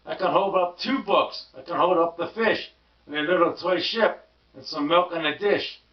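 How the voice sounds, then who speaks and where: A man's voice: fairly high pitch, moderate pace, voice pushed up, close to an everyday voice. A man voicing a mischievous, showy storybook cat in a tall hat, in a boastful sing-song voice. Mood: showing off. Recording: roomy, distant, dull sound.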